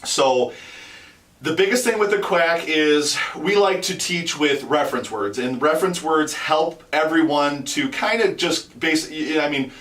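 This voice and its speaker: Male instructor, thirties, slightly high voice, explanatory and repetitive; echoey indoor recording with background noise. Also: measured pace, a bit bright. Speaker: host and duck calling instructor. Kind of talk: unscripted instructional talk. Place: small wood-panelled shop room, indoors. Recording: roomy, distant, noisy pickup.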